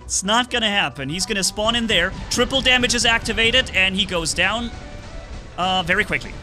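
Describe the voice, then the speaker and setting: A man streams his game live and calls the action, jumping into excited play-by-play with sound effects. His voice sits high and rings very bright and sharp. Faint game music plays underneath. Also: moderate pace. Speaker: gaming streamer. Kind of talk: live gameplay commentary.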